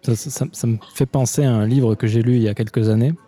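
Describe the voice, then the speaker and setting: A man interviewing a guest in a relaxed way, with short acknowledgements. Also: mid-range voice, quick pace, faint music behind. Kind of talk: conversational interview.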